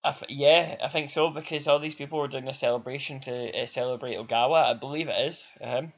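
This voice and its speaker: A man's voice: medium pitch, steady tone, a little fast. Chatty Glaswegian man on a podcast. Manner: chatty, laughs often, enthusiastic. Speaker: podcast co-host. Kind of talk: casual chat reviewing a fight. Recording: dull lo-fi podcast audio.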